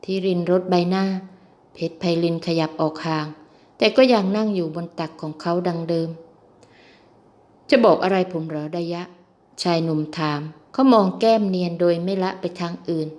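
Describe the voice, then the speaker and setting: A woman narrates a romance novel in steady, even storytelling. Her voice sits somewhat low for a woman, and she lifts it brightly when the heroine speaks. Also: brisk. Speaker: audiobook narrator.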